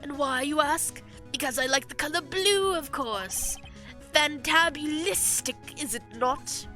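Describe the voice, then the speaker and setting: A woman voicing a pompous, flamboyant male company boss who drawls slowly and grandly and mangles big words. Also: high voice, bright, forceful tone, faint music behind, voice pushed up. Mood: grandiose.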